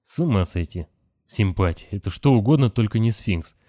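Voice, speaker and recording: A male audiobook narrator with a low voice, reading in a steady, measured way. The recording is dry and close, with no room sound. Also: dry recording. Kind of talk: scripted narration.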